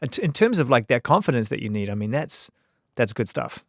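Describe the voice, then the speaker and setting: Middle-aged male host, quick and enthusiastic, repeats for emphasis, dry studio sound. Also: medium pitch, big pitch swings, fairly bright tone, no echo. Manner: fast, enthusiastic, emphatic and repetitive. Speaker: interviewer, host. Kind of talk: casual conversational interview.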